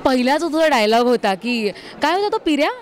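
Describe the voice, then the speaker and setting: A woman's voice: sits high, lively intonation, fast talker, a crowd in the background. A woman radio host casually interviewing young actors, teasing them and laughing often.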